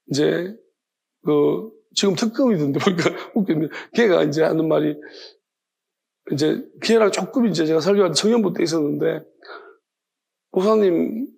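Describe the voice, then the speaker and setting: Gravelly pastor, high voice. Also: male voice, darkish tone. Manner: conversational, rambling, self-correcting. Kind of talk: casual evening sermon with personal stories. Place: church sanctuary.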